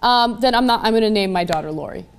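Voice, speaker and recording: A woman's voice: mid-range voice, quick pace, smooth. Inquisitive woman co-hosting a panel. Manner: inquisitive, careful, apologetic. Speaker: co-host. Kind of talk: panel talk.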